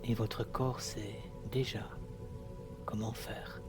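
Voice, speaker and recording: A man guiding a hypnosis session in a soft, sultry, soothing, hushed voice with long pauses. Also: on the low side, little pitch movement. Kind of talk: slow guided hypnosis narration. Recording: music behind the voice. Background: clear background music.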